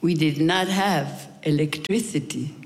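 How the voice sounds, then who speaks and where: A woman in her eighties from Morocco telling a personal story on stage at a live event, deliberate and unhurried. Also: low voice. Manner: slow, deliberate telling with lively rises and falls. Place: large theater stage. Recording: reverberant theater hall.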